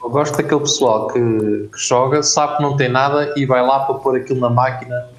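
A man's voice: mid-range voice, fairly even intonation, a little fast. Portuguese man in an echoey room. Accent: European Portuguese. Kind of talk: casual chat. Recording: roomy echo.

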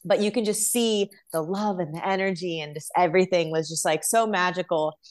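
A woman with a slightly low voice tells her story as an interview guest. She rambles eagerly from one point to the next, filling the gaps with soft fillers. She is a dancer chatting casually. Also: brisk.

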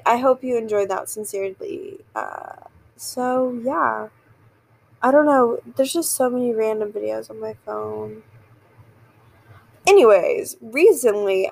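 A woman's voice: mid-range voice, low-quality recording. A young woman hosting a casual solo podcast, rambling and giggling as she talks. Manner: rambling, giggly, self-deprecating. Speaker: podcast host.

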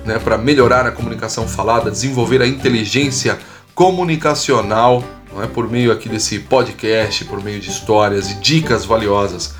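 A man's voice: on the low side, normal speed, faint music behind. A man, hosting a teaching podcast on public speaking, coaxing the listener with repeated phrases and questions and reciting rhymed verse in a sing-song way.

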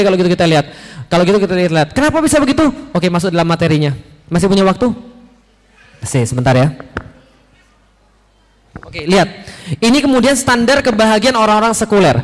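A man giving a religious lecture to an audience, quizzing them in a conversational tone and chuckling as he talks. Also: sits high. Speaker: Islamic lecturer. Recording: long hall reverb.

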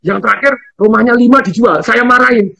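A man talks in a quick, emphatic rush. His voice sits high and sounds husky. He laughs often as he talks. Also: pushed and bright. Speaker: financial seminar speaker. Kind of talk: casual conversation.

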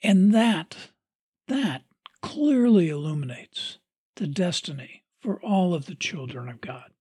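Preacher type with a husky tone, earnest and measured, recorded close and dry. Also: mid-range voice, lively intonation, darkish tone, no room sound. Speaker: podcast host reading a parent's sermon. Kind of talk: sermon.

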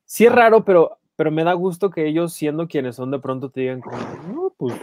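A man with a Mexican accent co-hosting a podcast, telling anecdotes in a lively, casual way and acting out voices. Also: on the high side, quick pace, a little hiss or hum. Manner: animated anecdotes, acts out quoted voices. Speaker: podcast co-host, film journalist. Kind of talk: casual chat, storytelling.

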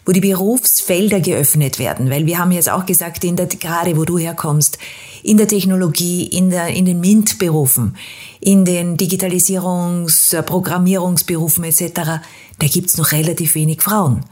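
A woman's voice: lowish voice, fairly even intonation, normal speed, warm tone. A woman hosting an interview podcast, asking long, winding questions with frequent hesitations. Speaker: podcast host.

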